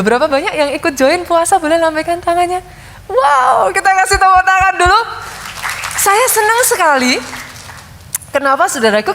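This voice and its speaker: A middle-aged woman pastor preaching a sermon to her congregation, telling lively stories and addressing them often. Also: extremely high pitch. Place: large church hall. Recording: long hall reverb.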